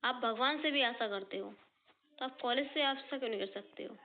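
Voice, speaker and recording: A woman's voice: on the high side, fairly quick. A woman coaching teacher explaining exam results to students in an earnest, informal way, often repeating and rephrasing her points. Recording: tinny phone-like sound.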